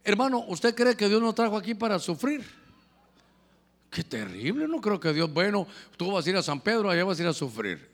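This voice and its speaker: High, bright-voiced preaching man. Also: fairly quick, long reverb tail. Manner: animated preaching, questions to the congregation. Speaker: pastor. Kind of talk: sermon.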